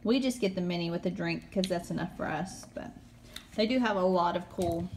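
A woman's voice: on the low side, fairly quick, darkish tone, slight background noise. A woman in her thirties with a Tennessee accent, hosting a casual snack unboxing and reading out the product blurbs. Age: 30s. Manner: reads out product blurbs, asks questions. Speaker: host.

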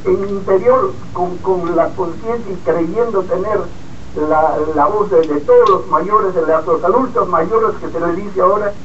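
High-voiced 85-year-old male radio caller over a phone. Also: a bit bright. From Peru. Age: 80s. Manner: indignant, halting, repeats words. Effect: caller heard over a phone line. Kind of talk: call-in opinion on a talk radio show. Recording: muffled distant phone line with hiss.

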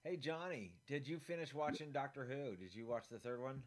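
A man's voice: mid-range voice, a little fast, a crowd in the background. A man co-hosting a podcast, chatting with enthusiasm and friendly arguing. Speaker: podcast co-host. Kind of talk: casual chat.

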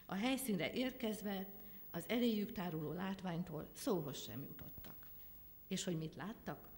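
A woman reading a folk tale aloud at a literary event, with a lively, dramatic delivery. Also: lowish voice. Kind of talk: expressive storytelling reading. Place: library event hall. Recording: long hall reverb.

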